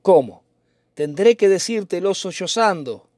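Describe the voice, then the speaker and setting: A man's voice: high-pitched, expressive, unhurried, a little mellow, no room sound, pitched above the performer's own voice. A man reading as Romeo, lovesick young nobleman. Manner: theatrical, declaiming. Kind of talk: dramatic reading of a play.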